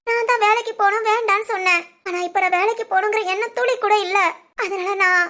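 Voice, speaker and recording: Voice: extremely high pitch, steady tone, quick pace, bright, forceful tone. A performer voicing a tearful young woman in a cartoon, a devoted younger sister who pleads emotionally and insists on her choice. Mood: tearful resolve. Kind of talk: cartoon voice acting.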